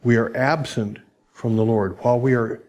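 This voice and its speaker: A male pastor preaching a sermon in a conversational way, his voice climbing for emphasis and dropping low and soft for reflective points. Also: fairly even intonation, moderate pace. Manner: conversational preaching with restarts and asides.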